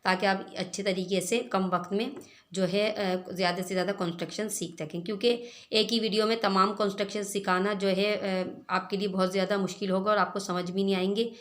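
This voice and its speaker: A woman teacher giving a slow English lesson, spelling each word letter by letter and often checking "clear?". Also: mid-range voice, steady tone. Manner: spells words letter by letter, keeps asking "clear?".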